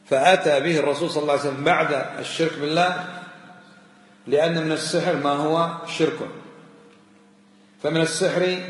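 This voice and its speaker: Admonishing sheikh in echoey hall. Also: male voice, fairly high pitch, a bit bright. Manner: admonishing, questions the listener directly; recites verses in a raised chanting voice. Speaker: sheikh teaching a creed text. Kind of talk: sermon-style lesson.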